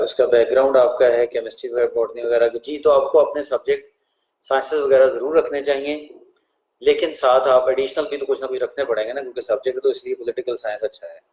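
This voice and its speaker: Relaxed teacher in an echoey room. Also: male voice, medium pitch, brisk. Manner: relaxed, reads out questions and answers them in turn. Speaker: exam prep teacher. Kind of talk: live Q&A session.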